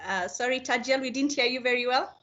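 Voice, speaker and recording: A woman's voice: high voice, quick pace, fairly bright tone. A woman hosting a video meeting, polite and hesitant, with frequent fillers. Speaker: meeting host. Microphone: video call. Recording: slightly dull video-call audio.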